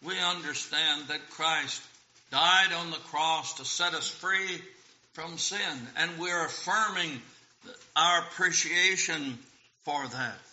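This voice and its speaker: A man preaching a sermon on the words of hymns, quoting lyrics and scripture in a slow, deliberate way. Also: fairly high pitch, sharp tone. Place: church sanctuary. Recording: roomy, dull lo-fi church recording.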